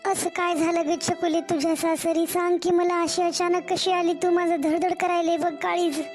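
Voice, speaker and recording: A woman's voice: very high-pitched, flat delivery, moderate pace, darkish tone, faint music behind. A woman voicing an anxious caring mother. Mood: worried. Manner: worried, questioning. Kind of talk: cartoon story voice acting.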